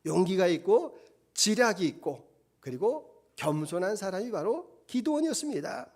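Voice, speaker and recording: A man's voice: high voice, moderate pace. A middle-aged male pastor preaching a sermon, telling a Bible story vividly and acting out its quotes. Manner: animated storytelling with acted quotes.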